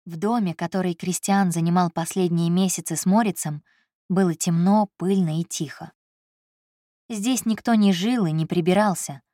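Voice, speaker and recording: Dry, measured woman narrator. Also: fairly low pitch, mellow, no room sound. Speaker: audiobook narrator. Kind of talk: scripted narration.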